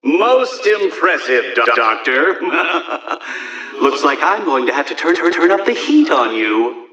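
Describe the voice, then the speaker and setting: A man's voice: on the high side, sing-song, slow, bright, forceful tone, highs cut off, slight background noise, heavily acted. A man voicing a smug, theatrical video game villain who taunts in a pompous, condescending way, heard through a radio effect. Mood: taunting. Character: smug, theatrical male villain obsessed with riddles.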